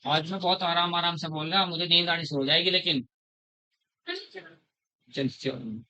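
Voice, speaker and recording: Bright-voiced male chemistry teacher. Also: on the high side, steady tone, clean tone, rough recording. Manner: slow, repeats terms, quizzes students; calls students "beta". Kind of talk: classroom lecture. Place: classroom.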